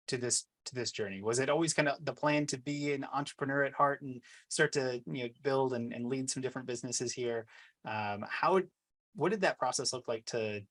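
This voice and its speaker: A man's voice: medium pitch, fairly bright tone. A man hosting a business interview, asking long questions with hesitant fillers and restarts. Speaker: interview host.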